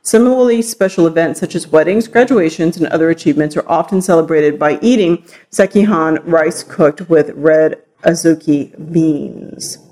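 A woman's voice: deep voice, normal speed, few pauses, warm tone. A woman hosting a podcast solo, talking casually into a recorder with chatty, rambling asides. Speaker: podcast host. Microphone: talking into a handheld recorder.

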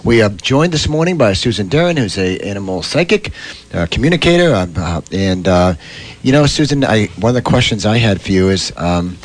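Man, radio host, veterinarian, low voice, hesitant, lots of fillers, explanatory. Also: big pitch swings, normal speed. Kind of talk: casual radio chat.

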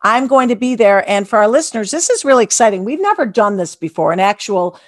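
A woman's voice: a little high, sing-song, fast, dry recording. A woman hosting a podcast over a video call, talking in a gushing, upbeat way. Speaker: podcast host. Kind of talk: casual interview chat.

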